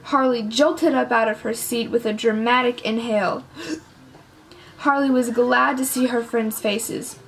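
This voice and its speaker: Female author reading her own chapter, casual and lively, higher voice. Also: moderate pace, vocal fry, few pauses, a little hiss or hum. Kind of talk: storybook reading.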